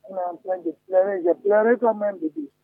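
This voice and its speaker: A man calling in to a radio show by phone, slow and repetitive as he voices plaintive complaints. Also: high voice, expressive, vocal fry, dry recording. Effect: phone call line. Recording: tinny phone line.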